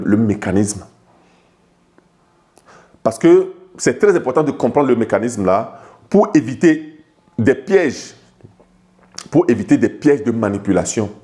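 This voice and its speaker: A Togolese life coach speaks in a medium-pitched, slightly mellow voice during an informal video lesson. He explains ideas directly and familiarly to the viewer, stumbling over repeated words and restarting sentences.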